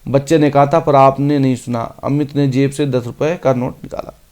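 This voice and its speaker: A man teaching an exam-prep grammar lesson, reading each sentence out slowly and then explaining it briskly. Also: mid-range voice, steady tone, darkish tone. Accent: Hindi.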